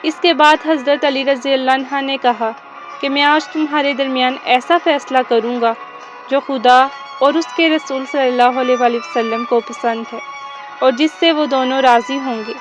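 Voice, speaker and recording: High-voiced woman narrating a reverent tale. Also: fairly even intonation, faint music behind. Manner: formal, reverent storytelling. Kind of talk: scripted narration of a religious story.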